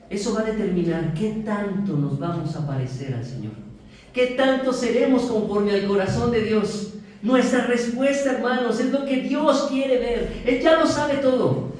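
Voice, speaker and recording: A man with a Mexican accent preaching a sermon as pastor, lively and joking, asking the congregation questions. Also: sits high, a little hiss or hum. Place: church sanctuary. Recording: very echoey church hall, from far off.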